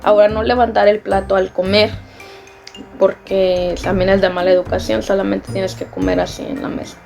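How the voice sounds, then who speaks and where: A woman's voice: mid-range voice, little pitch movement, normal speed, gravelly, a little mellow, faint music behind. A young Mexican woman chatting casually in a vlog, filling her talk with "este" and laughing at herself. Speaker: vlogger. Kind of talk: casual vlog explaining customs.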